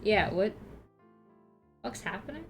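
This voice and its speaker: A woman's voice: medium pitch, big pitch swings, takes it slowly, faint music behind. A woman streamer chatting casually with her viewers, laughing often and greeting them by name.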